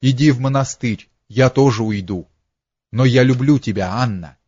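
A man voicing a grief-stricken young prince who slowly pleads and confesses. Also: mid-range voice, darkish tone, breathy edge, dry recording, muffled recording, close to an everyday voice. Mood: remorseful.

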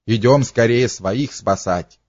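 A man's voice: mid-range voice, slow, darkish tone, no echo, lo-fi sound. A man reading aloud, voicing a young male prince who gives brief commanding orders to his soldiers.

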